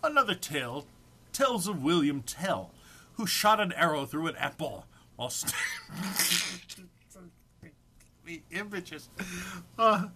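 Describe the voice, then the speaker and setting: In a bright, pushed voice on the high side, a man gives an amused, theatrical reading of a funny text. His phrasing is emphatic, laughter keeps threatening to break through, and faint noise sits in the background.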